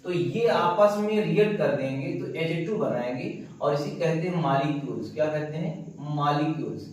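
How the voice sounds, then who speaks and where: A man lectures a class in a somewhat high voice, repeating key words and answering his own questions. He dictates slowly, phrase by phrase. The recording is very echoey, with the mic well away from him. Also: darkish tone. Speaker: teacher. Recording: very echoey room, voice from far off the mic.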